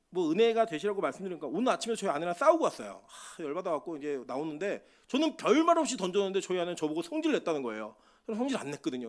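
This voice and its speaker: A church sermon comes from a middle-aged pastor whose voice sits high. He alternates booming calls to the congregation with softer, hushed remarks, speaking from the pulpit.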